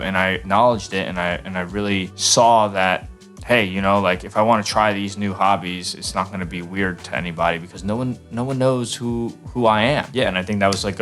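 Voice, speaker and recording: A young man from New York talking casually to camera in a relaxed, chatty way, with fillers and restarts. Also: sits low. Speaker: vlogger.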